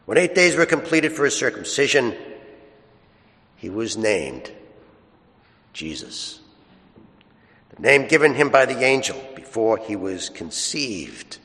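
A man's voice: mid-range voice, big pitch swings, takes it slowly, long pauses, fairly bright tone. A man, a priest, reads the gospel and preaches a chatty homily at Mass, asking his listeners questions, in a church with a long echo. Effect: long echoing church reverb. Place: large church. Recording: echoey church hall with long reverb.

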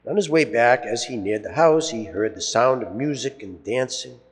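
A priest reads the Gospel aloud at Mass in a measured way, letting the ends of his phrases fall low and slow, his voice carried by a long cathedral echo. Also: breathy edge. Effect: cathedral echo, long church reverb. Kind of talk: liturgical Gospel reading. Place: large church. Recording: long reverb of a large church.

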